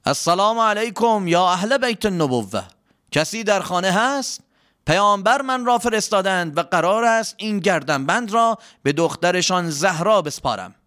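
A man's voice: high voice, voice pushed up. A man voicing an eager, chatty male servant who talks in a raised, exclamatory voice. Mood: announcing. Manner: raised, animated voice, quick and exclamatory.

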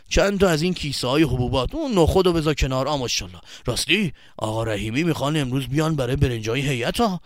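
A man voicing an older grandfather who runs a shop, praising his grandson in a slow, fatherly way. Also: fairly high pitch, no room sound, clean studio sound. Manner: warm, blessing-filled, slow fatherly talk. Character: kindly old grandfather shopkeeper, praising.

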